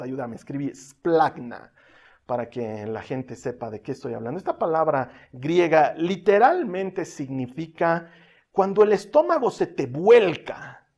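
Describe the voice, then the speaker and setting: High-voiced man preaching a sermon. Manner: swings from lively and loud to soft and hushed; asks the congregation for amens, uses everyday examples. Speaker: pastor.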